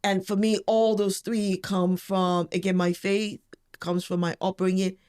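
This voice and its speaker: A forthright woman in her forties speaks as an interview guest with a firm, emphatic delivery. Her voice sits at an ordinary middle pitch. She talks candidly and openly in a relaxed conversation. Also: a little slow, clean tone. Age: 40s.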